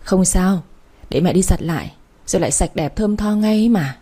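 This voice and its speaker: A woman voicing a gentle, placating old grandmother in a spoken story. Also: lowish voice, moderate pace, breathy edge. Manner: soft, soothing, placating.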